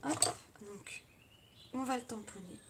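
A woman with a French accent runs a casual live crafting tutorial, chatting through each step with little "hop" and "voilà" asides. Her voice is slightly high and slow-paced, set against loud background noise with clicks.

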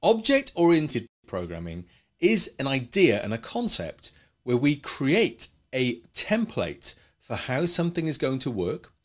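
A man teaching a coding lesson in a chatty way, explaining with playful asides. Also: medium pitch. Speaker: programming teacher.

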